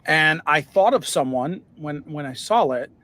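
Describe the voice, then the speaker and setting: A man hosting a casual livestream about model railroading, talking in a relaxed, rambling way with plenty of fillers while he paints. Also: fairly high pitch, unhurried. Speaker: model railroad hobbyist host.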